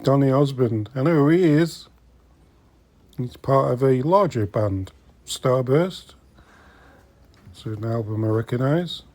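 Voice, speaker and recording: The speaker is a middle-aged man whose mid-range voice is a little mellow; he talks slowly and pauses often. Hosting a vintage collecting vlog, he browses a secondhand shop, chatting casually to viewers and muttering now and again.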